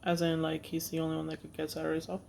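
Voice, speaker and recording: A woman recounts a personal story for her vlog in an unpolished, halting way, trailing off and restarting often. Her voice carries a gravelly, creaky edge, and she swears freely and bluntly. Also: low voice, monotone, darkish tone, slight background noise. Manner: halting, with many fillers and restarts. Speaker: vlogger.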